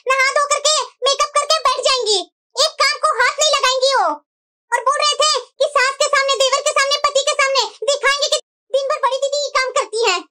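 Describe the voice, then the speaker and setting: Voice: extremely high pitch, bright, forceful tone. A voice actor playing a tattling young sister-in-law in a cartoon, chatty and conspiratorial. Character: gossiping young sister-in-law, two-faced busybody. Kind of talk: cartoon voice acting.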